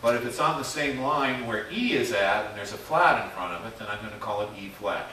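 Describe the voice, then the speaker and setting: A man's voice: fairly low pitch, animated, a little fast, bright, forceful tone, a little hiss or hum. A man teaching a music theory workshop to a class in a casual, chatty way, quizzing the students as he goes. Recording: very echoey room, mic far off.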